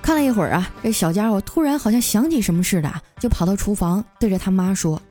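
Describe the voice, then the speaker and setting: A woman podcast host telling comic stories in a lively, playful way. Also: mid-range voice, over music. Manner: lively, playful with frequent drawn-out particles. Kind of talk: comic storytelling.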